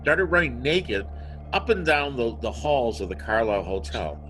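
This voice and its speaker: Man, guest author, lively storyteller, video call sound, faint music behind. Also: mid-range voice, moderate pace, rough recording. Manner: animated storyteller, acts out quotes. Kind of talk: conversational storytelling.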